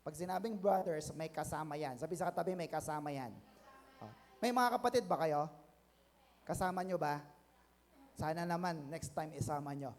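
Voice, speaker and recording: A Filipino man preaching a sermon as pastor, mixing English phrases in and calling out for amens, rising to loud declarations. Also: a little high, moderate pace, in a large hall.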